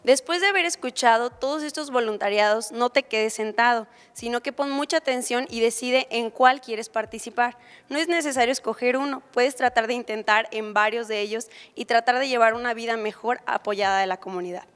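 A woman's voice: a little high, brisk, hardly any pauses, fairly bright tone. A woman host giving a scripted closing announcement, addressing viewers in an encouraging way. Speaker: TV show host. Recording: long hall reverb.

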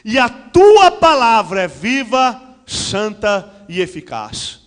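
A man's voice: high voice, sing-song, slow pace, a bit bright. A middle-aged man with a Brazilian Portuguese accent, a pastor giving church announcements and then preaching into a handheld microphone, with frequent amens and hallelujahs. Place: large church hall with curtains and stage. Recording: reverberant church hall.

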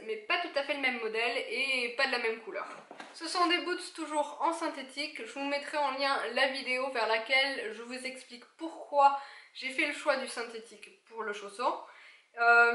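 A woman's voice: high voice, sharp tone. A woman in her thirties chatting casually through a product haul vlog, with lots of fillers and restarts. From France. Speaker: equestrian YouTuber. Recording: echoey room.

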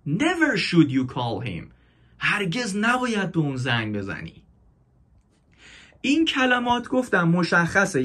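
A man teaching an English grammar class, explaining in Persian and saying each English example slowly and carefully, with questions to his students. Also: sits high, a bit bright. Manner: talks straight to students, asks them questions.

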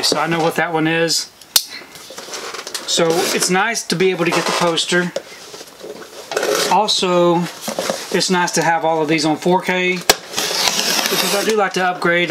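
A man's voice: sits high, background noise. A middle-aged man hosting a casual unboxing vlog, talking in an easygoing, rambling way with frequent ums, in a shelf-lined basement room. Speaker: video collector channel host. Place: basement room lined with disc shelves, indoors.

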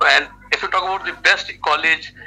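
Speaking emphatically as an expert guest, a middle-aged education adviser with an Indian accent explains things over a phone video call heard through the speaker. His voice is a little high, a little fast, fairly even in intonation, and creaky, pushed and bright. The recording quality is low.

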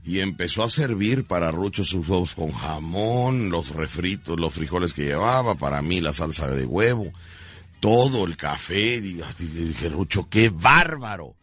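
Animated radio host telling jokes. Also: male voice, low-pitched, normal speed, breathy edge. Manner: animated, laughing, mimics voices in anecdotes. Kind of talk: comic storytelling on radio.

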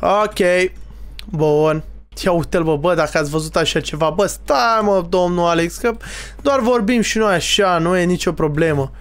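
A young man giving casual, excitable gaming commentary, teasing other players and talking to his viewers. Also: sits high, smooth. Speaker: streamer playing a Minecraft role-play server.

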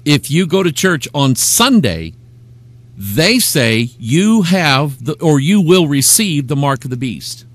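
Impassioned preaching man, fairly high voice. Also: big pitch swings, slow pace, no room sound. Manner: impassioned, emphatic, retells arguments with rising heat. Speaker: pastor. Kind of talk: preaching on a live webcast.

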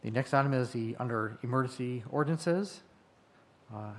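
A man reads out council agenda items at a middle pitch, plainly and by the book. Faint room noise sits under his voice. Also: normal speed. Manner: matter-of-fact, procedural. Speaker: meeting clerk reading agenda. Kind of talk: agenda reading.

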